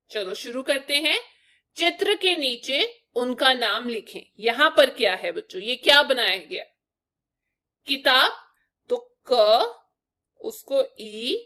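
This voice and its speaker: Slow, patient woman teaching children. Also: high voice, sharp tone. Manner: patient, step-by-step, addresses children. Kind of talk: children's Hindi lesson.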